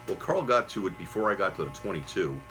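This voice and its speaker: A man's voice: deep voice, sing-song, fast, pushed and bright, soft background music, rough recording. A middle-aged man from New City, telling stories casually in a folksy, reminiscing way. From Queens, New York City. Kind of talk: casual storytelling.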